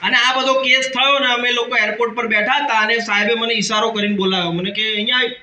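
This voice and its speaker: A man's voice: extremely high pitch, fairly even intonation, fast talker, pushed and bright, echoey room, distant mic, a faint crowd, slight background noise, poor audio. A man of around 30 with a Kathiawadi Gujarati accent gives a motivational business seminar talk, joking and calling out to the audience. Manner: jokey, calls out to the audience. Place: hall with an audience.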